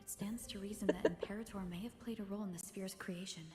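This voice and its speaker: A composed young researcher from a video game, voiced by a woman, reasoning things out in a calm, measured, analytical tone. Game music plays clearly behind her. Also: medium pitch, natural voice. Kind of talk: game cutscene dialogue.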